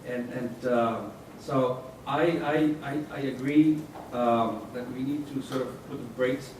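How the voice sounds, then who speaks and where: A man speaking as a state legislator on a panel, halting with many fillers and restarts. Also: medium pitch, steady tone. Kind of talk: panel discussion remarks. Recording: echoey hall, distant mic, noisy.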